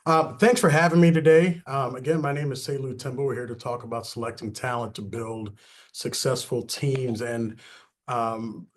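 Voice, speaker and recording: A man's voice: mid-range voice, fairly even intonation, normal speed. A man giving a webinar presentation on a video call, earnest and full of fillers and restarts. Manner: earnest, filler-heavy, restarts mid-phrase. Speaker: business consultant presenting a webinar.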